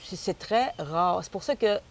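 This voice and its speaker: A Québécois woman with a low voice and a gravelly, creaky edge. She is a singer guest who chats easily, laughs often and restarts her sentences as she tells her story. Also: animated, unhurried, a little hiss or hum. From Côte-Nord, Quebec. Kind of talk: casual interview.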